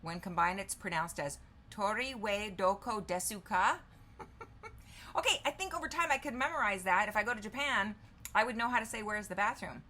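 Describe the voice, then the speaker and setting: A woman's voice: medium pitch, animated, a little fast, sharp tone. A woman in her fifties talking casually to camera, thinking aloud and reading answers off her screen. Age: 50s. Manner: chatty, thinks aloud while typing, reads answers aloud. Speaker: vlogger. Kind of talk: casual chat while demonstrating.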